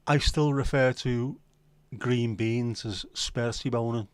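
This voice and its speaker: In a relaxed livestream, a middle-aged Scouse man from Liverpool reads viewer comments, tells stories and swears casually amid the jokes. He speaks slowly and clearly in a resonant, middle-pitched voice, and the recording is close and dry.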